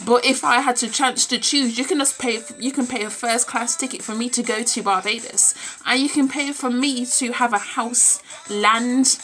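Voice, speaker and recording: A British woman of about thirty, a vlogger, talks to camera on a phone held at arm's length in a room at home. Her voice is fairly high and fairly bright, with fairly even intonation and a normal speed. Casual, blunt and opinionated, she speaks emphatically, repeats phrases for emphasis and swears.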